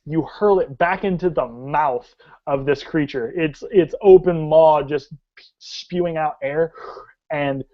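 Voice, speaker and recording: A man runs a tabletop game as game master, his voice sitting fairly high. He paints the scene in a halting way, often restarting phrases. The audio is dull and lo-fi. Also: warm tone.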